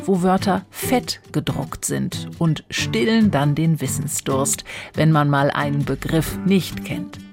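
A woman reading a scripted book review in a calm, even way. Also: low-pitched, gravelly. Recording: guitar music under the voice.

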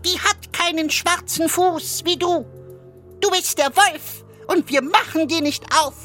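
A man voicing little goat kids in a fairy tale, in a very high, slow childlike falsetto. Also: bright, forceful tone, soft background music, exaggerated voice. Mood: defiant.

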